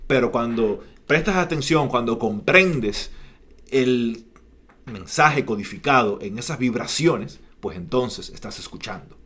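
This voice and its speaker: A man's voice: medium pitch, animated, measured pace, fairly bright tone, husky. Man, podcast co-host, casual chat, explanatory, lecturing. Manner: explanatory, lecturing on word meanings.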